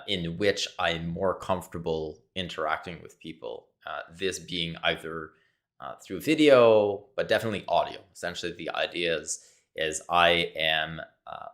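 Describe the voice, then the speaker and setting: His voice sits low but has a fairly bright tone: a Quebec man, a native French speaker, talking to the camera mic alone in English with a Québécois accent. The monologue wanders and repeats as he thinks aloud. He is from Quebec, Canada.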